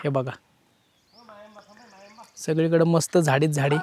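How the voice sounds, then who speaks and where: A man's voice: fairly high pitch, fairly even intonation, slow pace, darkish tone. A man, chatting cheerfully as he walks through his farm for a village vlog, laughing often. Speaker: vlogger. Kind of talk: casual village vlog narration. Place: outdoors on farm fields.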